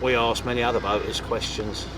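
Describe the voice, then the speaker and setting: A man's voice: mid-range voice, steady tone, brisk. A middle-aged man from East London with a Cockney accent, chatting easily with his partner and often asking her to confirm what he says. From East London, England. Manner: easygoing, rambling, asks his partner to confirm. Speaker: vlog co-host. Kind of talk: casual chat. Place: outdoors on a moving narrowboat. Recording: outdoor noise from boat and traffic.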